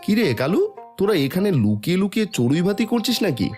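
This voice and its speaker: A man's voice: sits high, sing-song, fast, darkish tone, faint music behind. An actor playing a nosy, suspicious village man in a cartoon story. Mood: prying, suspicious. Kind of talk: Bengali animated story dialogue.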